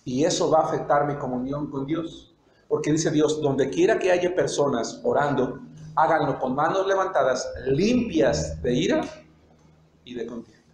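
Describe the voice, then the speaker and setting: Pastor, male, preaching a sermon, high voice, roomy hall with faint hiss. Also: normal speed, a little mellow. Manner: preaching with rhetorical questions and acted dialogues. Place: church sanctuary. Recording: echoey church hall with faint noise.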